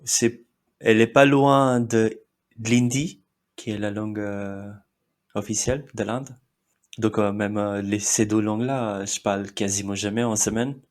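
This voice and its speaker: This is a casual interview chat with an Indian podcast guest in his 30s whose first language is Marathi. He speaks in a lowish, steady voice at a measured pace, often using fillers and little laughs.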